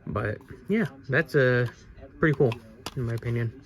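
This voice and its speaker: A man's voice: mid-range voice, moderate pace. A man hosting a casual video about retro games he has bought, who rambles, stumbles over his words and restarts sentences, and sounds stuffy from allergies. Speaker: game collecting channel host. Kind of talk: casual haul video, reading game back covers aloud.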